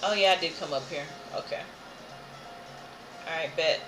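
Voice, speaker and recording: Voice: medium pitch, moderate pace, poor audio. American streamer chatting thru a game, kinda playful, game music going behind. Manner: playful, hums filler tunes, reads game text aloud. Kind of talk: casual gameplay commentary, thinking aloud. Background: video game music.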